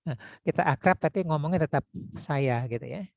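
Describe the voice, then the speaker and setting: A man teaching public speaking in a casual lecture, talking conversationally with frequent tag words and demonstrating deep and high vocal tones. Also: normal speed, vocal fry, no echo. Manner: conversational, frequent "ya" and "gitu ya" tags.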